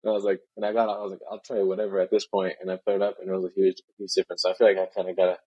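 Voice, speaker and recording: A man's voice: low voice, little pitch movement, very fast, husky, lo-fi sound. A young man from Tijuana and San Diego, chatting casually as a podcast guest, rambling with many restarts. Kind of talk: casual chat.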